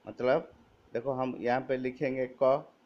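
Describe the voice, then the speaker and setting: A man teaching Hindi vowel signs to schoolchildren, slowly spelling out each sign and reading word lists aloud one word at a time. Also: medium pitch, steady tone. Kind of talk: Hindi grammar lesson for children. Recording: dull lo-fi recording.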